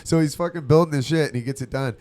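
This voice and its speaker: A man co-hosting a casual podcast, telling stories in a profane, animated way, laughing often and acting out the voices of the people he quotes. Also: fast talker. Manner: acts out quoted voices with big pitch jumps. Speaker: podcast co-host. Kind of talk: casual storytelling chat.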